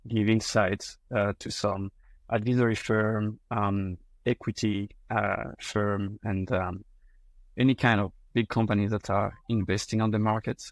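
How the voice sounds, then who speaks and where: Fairly low-pitched and level, this Frenchman in his thirties talks a bit slowly as a podcast interviewee. His French-accented speech is hesitant, with frequent fillers and restarts, in a dry recording.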